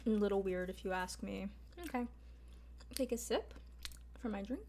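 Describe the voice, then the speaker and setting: This young woman's mukbang vlog has her chatting informally over food, with plenty of fillers and mild swearing. She speaks at a moderate pace in a slightly mellow, mid-range voice, with a little hiss or hum present.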